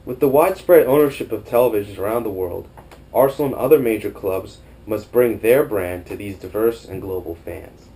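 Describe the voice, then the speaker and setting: A man's voice: fairly low pitch, normal speed, mellow, low-quality recording. A young man from Costa Rica giving an earnest, formal scripted narration as a student documentary narrator. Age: young adult.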